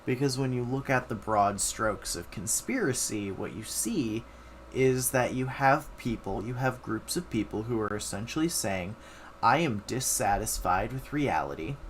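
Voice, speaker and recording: A man with a mid-pitched voice streams his reactions at a slow, drawn-out pace. He is exasperated and sardonic, swears freely and piles on hyperbole. There is some noise behind him. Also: animated. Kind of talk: casual reaction commentary.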